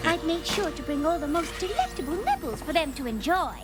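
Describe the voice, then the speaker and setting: Very high-pitched, melodramatic posh lady pony. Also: big pitch swings, brisk. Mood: self-important storytelling. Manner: posh, theatrical, affected diction. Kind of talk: animated cartoon dialogue. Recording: loud music behind the voice.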